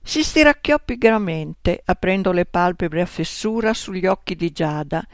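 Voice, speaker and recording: A woman narrating a playful storybook tale in an unhurried way. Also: lowish voice, lively intonation, no room sound, clean studio sound. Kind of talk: storybook reading.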